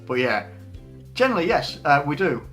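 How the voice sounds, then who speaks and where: A man's voice: on the high side, big pitch swings, normal speed, a bit bright, faint music behind. A man in his twenties from England, a YouTuber answering viewer questions in an unscripted casual Q&A, rambling with frequent restarts and fillers. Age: 20s.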